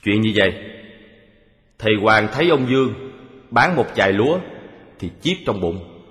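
A man playing a calm, methodical detective who patiently recounts how a crime was carried out, in a radio drama. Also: on the low side. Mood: steady. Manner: measured storytelling, steady. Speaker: detective explaining a solved case. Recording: long hall reverb.

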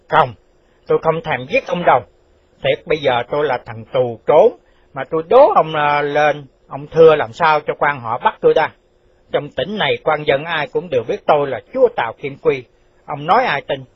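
A man's voice: fairly high pitch, breathy edge. Man voicing a stern vengeful ex-convict. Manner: firm, scolding. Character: vengeful escaped male convict, stern, middle-aged. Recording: dull lo-fi dry recording.

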